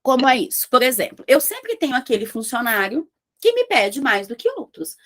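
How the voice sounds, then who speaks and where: A woman's voice: sits high, sing-song, moderate pace, a bit bright. A woman mentoring business owners, speaking with emphasis and firing rhetorical questions at her listeners. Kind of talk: motivational talk to entrepreneurs.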